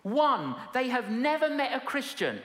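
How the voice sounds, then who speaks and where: A woman preacher with a fairly high voice delivers a sermon at a slow pace. She tells it theatrically, repeating phrases for emphasis. The sound is reverberant, from a big hall with a congregation present. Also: sing-song. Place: large hall with live audience. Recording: echoey hall, reverberant, audience noise.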